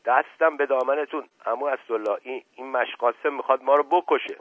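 A man's voice: mid-range voice, lightly acted. A man voicing a whiny, spiteful young man who accuses and complains. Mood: whining accusing. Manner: whining, accusing. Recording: narrow phone-like band, dry.

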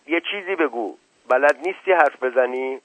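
Loud, blunt village questioner, voiced by a male radio reader; husky, dry, phone-thin sound. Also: fairly high pitch, lively intonation, dry recording, pitched above the performer's own voice. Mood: demanding. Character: loud demanding village man questioning a stranger. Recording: tinny lo-fi radio broadcast.

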